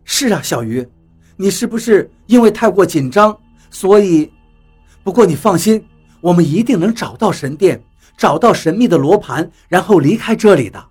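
A man voicing a worried male companion who gently reassures a friend in an adventure story. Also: high-pitched, lively intonation, normal speed, slightly rough, faint music behind. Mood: concerned. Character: worried, caring male companion, young adult.

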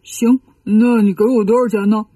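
A woman voicing a lazy, greedy pig-man monk who whines and pleads in drawn-out tones, for a children's story. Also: a little high, fairly even intonation, mellow, husky, dry recording. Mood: whining.

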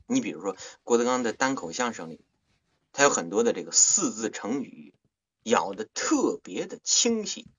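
A man's voice: lowish voice, sing-song, normal speed, a bit bright, husky, muffled recording. A man hosting a casual livestream chat, explaining things at length with playful asides. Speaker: livestream host and audiobook narrator.

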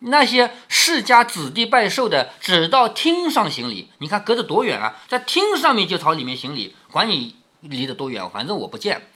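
Lively husky-voiced man reading aloud. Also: sits high, moderate pace, few pauses. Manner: explanatory, asks rhetorical questions. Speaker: parent reading a classic novel to his daughter. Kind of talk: storybook reading with commentary.

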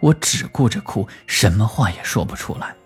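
A man narrating a first-person rural horror story in a lively storytelling manner, lifting his voice for the quoted lines. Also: on the low side, moderate pace, husky, soft background music.

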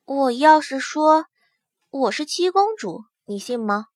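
A woman voicing a lively, innocent young princess who talks in a sweet, bubbly way. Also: sits high, slow pace, no room sound, studio quality. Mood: cheerful.

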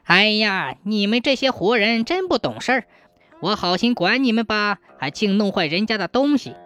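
A woman's voice: very animated, moderate pace, dry recording. A woman voicing a male ghost cart driver who complains in a pushy, raised voice. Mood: indignant. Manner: loud, complaining, high-pitched.

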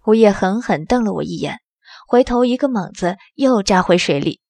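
A woman narrating an audio drama in the first person with a steady storytelling manner. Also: medium pitch, moderate pace, creaky, dry recording.

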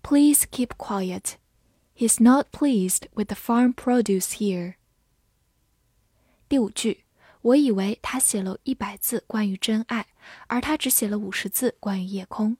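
Slow, measured woman teaching English words. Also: medium pitch, a little mellow, husky, no room sound, clean studio sound. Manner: deliberate, repeats each word twice then gives meanings. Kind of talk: slow vocabulary drill and translation lesson.

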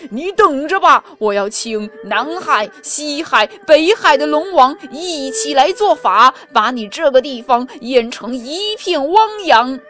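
A woman's voice: sits high, expressive, unhurried, hardly any pauses, a bit bright, soft background music. A woman voicing an angry, grieving old dragon king who threatens in a storybook tale. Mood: threatening.

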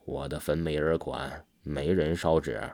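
A man voicing the ghost of a neglected old man, speaking low and quietly. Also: steady tone, a little slow, dry recording, studio quality. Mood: mournful.

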